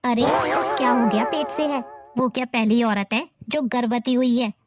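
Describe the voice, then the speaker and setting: Scornful nagging mother-in-law, a woman acting, scolding tone, fairly high voice. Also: steady tone, normal speed, gravelly, soft background music. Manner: scolding, taunting. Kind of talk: family drama acting.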